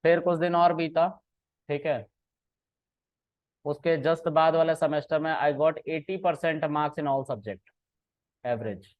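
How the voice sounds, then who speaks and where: A man's voice: a little high, steady tone, takes it slowly, long pauses. A man giving a casual programming lesson, telling a personal story in a conversational way, often checking in with his listeners and mixing English phrases into his talk. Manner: conversational, frequent "ठीक है" and "है ना" checks; mixes English phrases into Hindi. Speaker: programming teacher. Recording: tinny phone-like audio.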